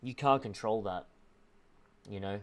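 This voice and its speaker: A young man livestreaming, earnestly talking a viewer through loss in a halting, emotional way, close to tears. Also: on the low side. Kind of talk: emotional heart-to-heart with a viewer on stream.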